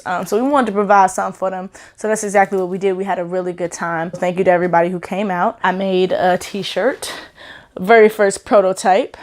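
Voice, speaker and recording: A vlog host talking casually at home, candid and laid-back, swearing freely. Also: mid-range voice. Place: home, hot room.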